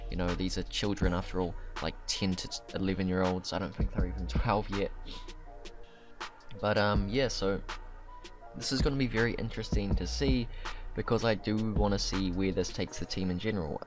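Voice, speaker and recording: A man's voice: deep voice, fairly even intonation, brisk, music in the background. A man hosting a casual video commentary, thinking aloud and correcting himself as he speculates conversationally. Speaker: YouTube anime commentator and host.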